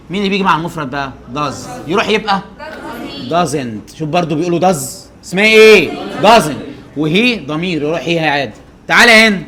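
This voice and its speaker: A young man with an Egyptian Arabic accent teaches an English grammar class, firing quick questions at his students and answering them himself. His voice sits high and sounds pushed and bright.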